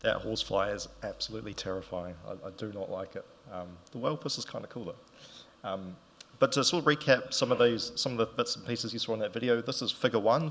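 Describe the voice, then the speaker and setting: A man's voice: fairly low pitch, fairly bright tone. Chatty New man in a hall. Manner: chatty, many fillers and restarts. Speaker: conference presenter. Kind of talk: casual conference talk. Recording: reverberant hall.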